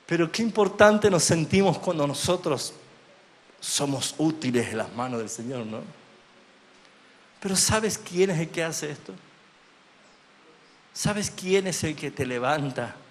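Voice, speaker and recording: A man preaching a sermon as pastor, swinging between loud proclamation and hushed, drawn-out phrases. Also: on the high side, expressive, a little hiss or hum. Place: church sanctuary. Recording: long church hall reverb.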